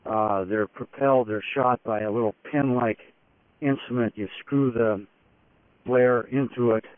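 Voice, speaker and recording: A man speaks at a middling pitch over a narrow, phone-like radio link with a dry sound. He gives an expedition field report off the cuff, in short, halting phrases. His delivery is matter-of-fact. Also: fairly even intonation, no echo. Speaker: expedition explorer giving a daily report. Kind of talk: unscripted first-person field report.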